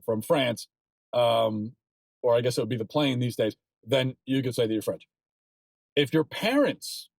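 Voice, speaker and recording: A man's voice: mid-range voice, no echo. A man delivers solo political commentary in a mid-range voice, building his arguments and leaning into emphatic, insistent points. He is recorded close on the mic in a dry studio with no room sound. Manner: sports analogies.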